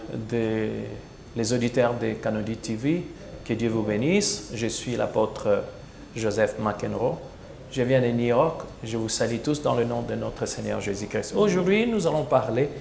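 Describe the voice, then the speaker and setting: A man's voice: mid-range voice, gravelly, darkish tone, echoey room, slight background noise. A man preaching a sermon on a morning TV show, rising to emphatic peaks. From United States. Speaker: pastor.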